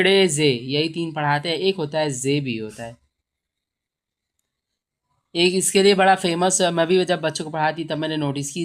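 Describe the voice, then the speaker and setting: Patient woman teacher sounding out words. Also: sits low. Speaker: Urdu teacher. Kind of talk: explaining a textbook lesson.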